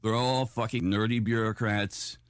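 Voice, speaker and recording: A man's voice: lowish voice, fairly even intonation, normal speed, clean tone, dry recording, clean studio sound. A man co-hosting a podcast in loose, swearing casual chat, laughing often. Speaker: podcast co-host.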